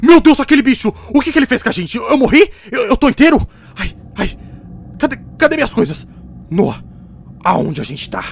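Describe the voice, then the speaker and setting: A man's voice: very high-pitched, sing-song, fairly quick, gravelly, slight background noise, full character voice. A man voicing a jittery, rude ghost hunter. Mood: confused. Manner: frightened, bossy, insulting. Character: jumpy, rude young male paranormal investigator. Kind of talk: fan machinima voice acting.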